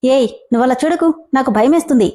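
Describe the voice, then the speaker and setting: A woman's voice: sits high, fast, mellow. A woman voicing a playful, teasing male college student in a spoken storybook. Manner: teasing, mock-scared, light.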